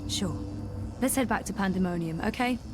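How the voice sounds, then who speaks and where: A woman's voice: medium pitch, moderate pace, over music, lightly acted. A woman playing a wary, weary young robot tester in a video game, with a dry, casual manner. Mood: exasperated. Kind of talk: video game character acting.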